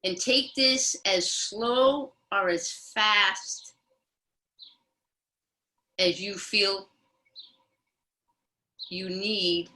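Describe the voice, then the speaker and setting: A woman leads a guided meditation in the soothing manner of a yoga teacher. Her pace is slow, with gentle pauses between instructions. The voice has a bright, forward tone. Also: medium pitch, low-quality recording. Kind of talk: guided mindful movement instruction.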